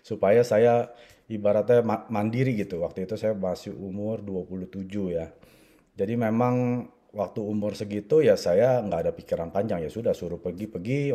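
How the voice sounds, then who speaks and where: Man in his forties telling his story, dark voice. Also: low-pitched. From Indonesia. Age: 40s. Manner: conversational, frequent filler "ya" and "gitu". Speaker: network marketing speaker. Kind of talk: personal story talk to an audience.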